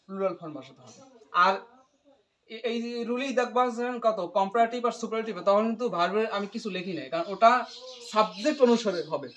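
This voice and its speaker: A man's voice: high-pitched, brisk, fairly bright tone. Male tutor drilling grammar with questions. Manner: asks questions and repeats the student's answers; patient, explains step by step. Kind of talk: English grammar lesson with call-and-response.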